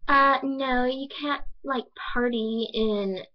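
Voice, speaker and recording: A woman's voice: sits high, slow, voice pushed up. A teenage girl mocking a whiny, preachy classmate in a nasal drawl with upspeak, on a slightly dull lo-fi recording.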